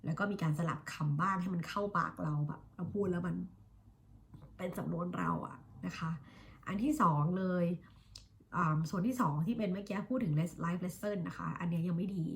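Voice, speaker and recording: Thai woman english teacher, lowish voice, chatty, repeats words slowly to drill them. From Thailand. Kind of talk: casual vlog-style lesson.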